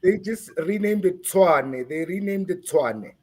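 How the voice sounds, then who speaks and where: A man from South Africa being interviewed on a podcast, speaking haltingly and repeating words while he searches for them. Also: high voice, expressive. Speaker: guest.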